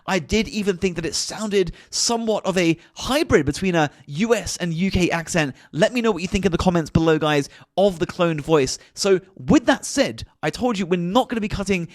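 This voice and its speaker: A man talks through a screen-recorded tutorial, giving click-by-click instructions in a high voice. His pitch jumps around with lively movement. The sound is dry and close, with no room echo. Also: moderate pace, few pauses. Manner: step-by-step, instructive, repeats click directions. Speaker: tutorial host.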